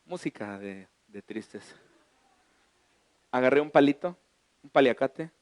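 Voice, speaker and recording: A middle-aged Mexican man, a pastor, telling a humorous personal story in a colloquial, animated sermon. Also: medium pitch, slow, no echo.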